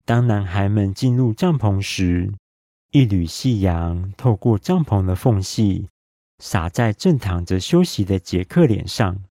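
A man narrating a bedtime story in a soothing, calm and even way, as a dad telling stories to help listeners sleep. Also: lowish voice, unhurried, dry recording, clean studio sound.

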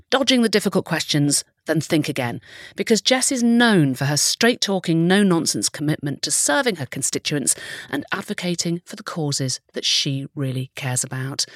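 Expressive low-pitched woman podcast host. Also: no echo, studio quality. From English Midlands. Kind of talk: scripted introductions and playful interview chat.

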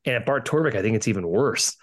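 Lowish-voiced man giving sports analysis. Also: animated, fast.

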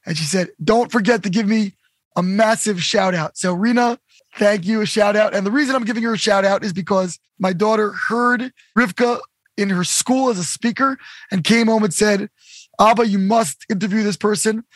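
A middle-aged man hosting a podcast interview, upbeat and quick to cheer his guest on with "amazing" and "incredible". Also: sits high, steady tone, no room sound, studio quality. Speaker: podcast host. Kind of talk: casual interview.

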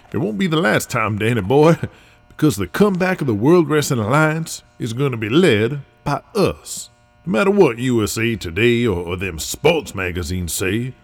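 Man playing a rousing old-school wrestler, husky, faint music behind. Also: medium pitch. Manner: rousing, folksy, determined. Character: gruff male veteran wrestling legend, rallying.

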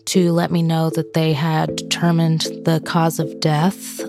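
A woman's voice: sits low, monotone, a little slow, over music. A woman being interviewed, recounting things in a plain-spoken, informal, conversational way.

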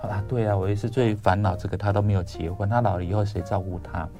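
A man's voice: fairly low pitch, fairly even intonation, fast talker, dark tone, soft background music, natural voice. A man recounting a fretful older mother. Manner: fretful, complaining. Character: worried older mother in a hospital bed.

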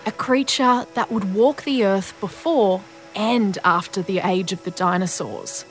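A woman with an Australian accent reading scripted nature documentary narration in a measured, dramatic storytelling way. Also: mid-range voice. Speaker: podcast host and narrator. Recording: music behind the voice. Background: music.

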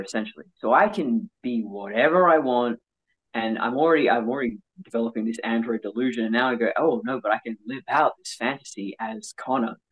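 A male-sounding voice in conversation, giving candid personal stories as an interview guest. The delivery is frank and animated, with a self-mocking streak and a medium pitch. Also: husky, rough recording.

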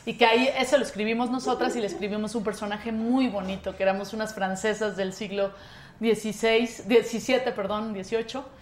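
A woman's voice: medium pitch, brisk, echoey room, slight background noise. A woman with a Mexican accent, a cabaret performer chatting on a talk show, telling stories with repeated phrases. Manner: animated storyteller, repeats phrases. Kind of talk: casual chat.

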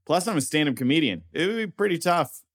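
A man appearing as a guest comedian on a podcast, talking in a wry, deliberate way in casual chat. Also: a little high, animated.

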